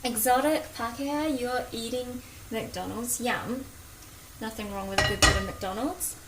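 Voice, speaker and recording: A woman's voice: a little high, unhurried. A woman with a broad New Zealand accent chatting casually and informally as she hosts a cooking livestream and greets viewers. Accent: broad New Zealand (Kiwi). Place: indoor home kitchen. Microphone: phone, at a little distance. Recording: echoey room, clear kitchen noise. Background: sizzling pan, stirring, kitchen noise.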